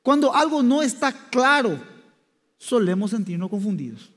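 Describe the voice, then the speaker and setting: Male preacher, high voice, hesitant delivery, echoing church hall. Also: very animated, a bit bright. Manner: halting, with many restarts and "diríamos" fillers. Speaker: pastor. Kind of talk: sermon. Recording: long church hall reverb.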